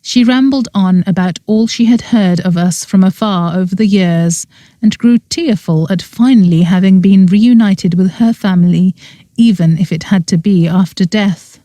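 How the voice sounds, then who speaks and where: A woman reading as a cozy mystery audiobook narrator, in expressive scripted storytelling. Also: mid-range voice, normal speed, no room sound.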